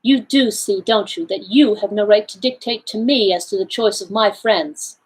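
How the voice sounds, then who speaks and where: A woman's voice: medium pitch, moderate pace, slightly rough, lightly acted, low-quality recording. A woman voicing a cool, defiant young English wife in a storybook reading, with a clipped, icy delivery.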